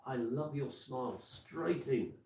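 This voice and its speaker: Speaking slowly with a creaky, slightly mellow, expressive mid-range voice, this Birmingham man in his fifties hosts live community radio in a Brummie accent. He rambles casually between song links, with many fillers and restarts. The room is echoey, the mic is distant, and music plays behind him.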